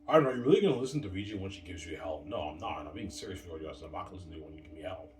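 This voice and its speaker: Man, 30s, deep and rambling home vlogger, swears a lot, distant mic in a boomy room with background noise. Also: animated, very fast, reverberant. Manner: meandering, casual, swears, argues with absent people. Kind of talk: late-night rambling monologue. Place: room at home, family upstairs.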